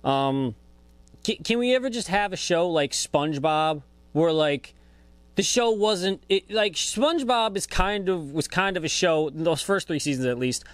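A man's voice: fairly high pitch, expressive, measured pace, dry recording. A man in his twenties hosting a podcast, talking in a rambling, profane, laid-back way as a casual monologue. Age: 20s. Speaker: podcast host.

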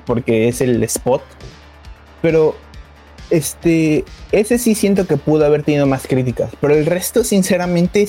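A man's voice: a little high, dark tone. A man with a Mexican accent chatting casually on a podcast, rambling with lots of filler words and restarts.

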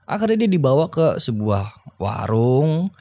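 A man with a husky voice tells personal stories in a relaxed conversation. His pitch rises and falls a lot. He slips into the voices of the people in his stories as he talks. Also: unhurried. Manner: animated, acts out quoted speech. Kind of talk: casual storytelling.

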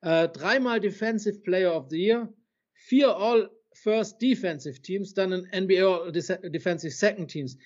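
In an unhurried, high voice, a man co-hosting a casual podcast argues about basketball, reeling off stats with real passion. His talk is full of fillers and tag questions, with occasional swearing for emphasis. The audio sounds dull.

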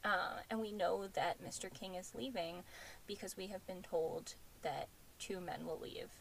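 A woman co-host recaps an episode in relaxed, rambling chat. She leans on fillers and trails through her thoughts. Faint noise sits under the voice. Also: on the low side, a little slow, vocal fry, low-quality recording. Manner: chatty, many fillers like "um" and "like". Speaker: podcast co-host.

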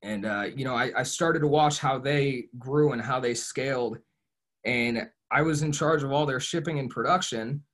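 In this casual podcast interview, the guest is a young adult man from Ohio, USA with a mid-range, fairly bright voice at normal speed. Earnest and reflective, he keeps restarting his thoughts and leaning on "you know."

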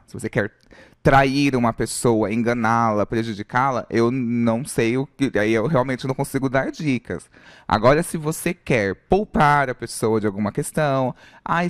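A man's voice: medium pitch, no echo. A Brazilian man talking loosely on a podcast, joking around in a casual way. The sound is dry and close, with no room around his voice. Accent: Brazilian Portuguese. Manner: loose and joking, with frequent fillers.

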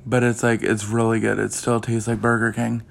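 A man's voice: mid-range voice, little pitch movement, normal speed, creaky, slight background noise. A young man hosting his own podcast, chatting casually and rambling with lots of fillers. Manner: rambling, heavy use of "like" and "um". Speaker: podcast host. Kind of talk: casual chat.

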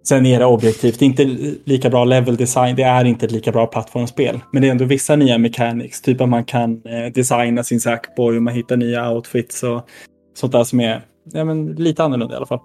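A man's voice: mid-range voice, level tone, warm tone, soft background music. A man co-hosting a casual podcast chat, talking enthusiastically about games he has been playing. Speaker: podcast co-host.

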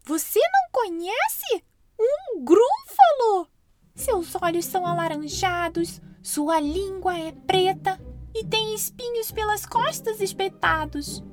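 A tiny, quick-witted mouse squeaks along in a very high, piping voice. He is cocky and playful, with a lilt, a storybook hero over soft music. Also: expressive, exaggerated voice. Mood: polite, boastful. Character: small clever boastful male mouse.

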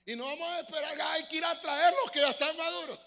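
A man preaching a fervent sermon in church, swinging from shouts to soft asides. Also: very high-pitched, fairly quick, vocal fry. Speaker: pastor.

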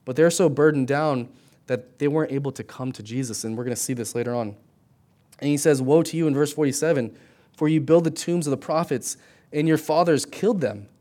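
Here a middle-aged pastor delivers a conversational sermon in a fairly high, warm voice at a fairly quick clip. "Right?" comes up often, and he restarts his words now and then.

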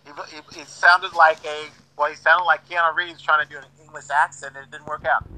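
A man's voice: on the high side, flat delivery, brisk, pushed and bright, low-quality recording. A man guest on a casual podcast, hesitant, often repeating words and using fillers. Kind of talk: casual chat.

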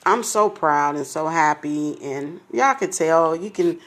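A middle-aged woman hosting her own talk podcast with an upbeat, slangy chattiness. She speaks straight to her listeners in a fairly low voice and smiles through her words. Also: a little slow, a bit bright. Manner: smiling and laughing as she talks. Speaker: podcast host. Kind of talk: casual podcast chat.

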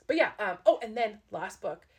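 A young adult woman's medium-pitched voice is sing-song with a breathy edge, moving at a moderate pace. Co-hosting a podcast from an attic, she makes casual, self-deprecating personal chat peppered with "like."

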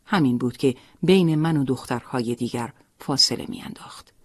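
A woman tells a scripted first-person story in a soft, breathy voice that often sinks into a near-whisper. Her tone is husky and unpolished rather than crisp. The recording is dry and close, with no room sound. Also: extremely low pitch, no room sound. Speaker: narrator.

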